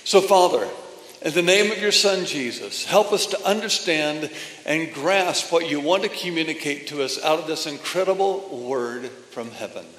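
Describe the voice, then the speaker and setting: A man preaching a sermon with emphatic phrasing and pauses between phrases, addressing a congregation. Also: a little high, expressive, a bit bright. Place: church or meeting hall. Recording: echoey hall from a distance.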